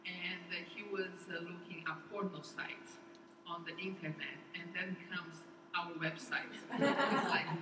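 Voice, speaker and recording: A woman from Brazil tells her story in halting, English and pauses often on uh. Her voice sits a little low and comes across a big, echoey hall, heard from a distance over steady room noise. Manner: halting, with frequent uh fillers and nonstandard English. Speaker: ministry guest speaker. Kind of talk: testimony at a church event.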